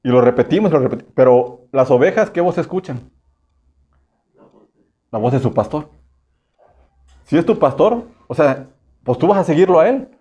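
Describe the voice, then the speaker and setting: Chatty Mexican pastor, a bit high. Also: male voice, animated, normal speed, pauses often, dark tone, husky, highs cut off. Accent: Mexican Spanish. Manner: conversational, asks the congregation frequent rhetorical questions; acts out short voices for humor. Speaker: preacher. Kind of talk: sermon.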